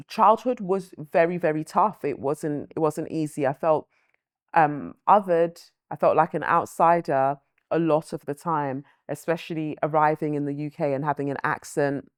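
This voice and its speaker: Deep and clean-toned, with no room sound, this woman's voice is recorded dry and close. She's an author and guest giving reflective interview answers, thoughtful and measured, frequently using "um" and "you know." Her roots: born in Nigeria, raised in London, Yoruba as first language.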